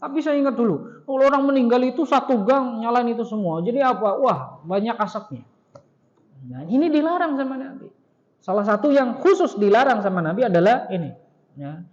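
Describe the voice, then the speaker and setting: A man's voice: extremely high pitch, expressive, a little fast. A middle-aged man teaches a religious study class, chatty and direct, often asking the room questions. His voice rings with the long echo of a mosque hall. The sound is a bit dull and muffled. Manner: conversational, addresses the audience with questions and frequent "ya". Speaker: Islamic teacher.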